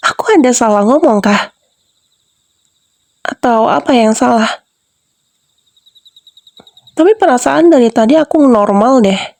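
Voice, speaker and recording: A woman's voice: fairly high pitch, expressive, slow, creaky, long pauses, no room sound, exaggerated voice. A young woman voicing a clingy, manipulative wife in an ASMR role-play, doting at first and then questioning and defensive.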